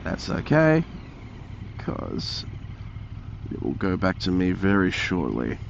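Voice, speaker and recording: A man's voice: deep voice, wildly swooping pitch, slow, creaky. A man chatting casually to himself as he rides, rambling and muttering, his voice muffled inside a motorcycle helmet. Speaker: motovlogger. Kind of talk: casual vlog chat while riding a motorbike. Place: inside a motorcycle helmet, riding outdoors on roads. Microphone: helmet-mounted mic close to the mouth. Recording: muffled helmet mic, faint vehicle noise.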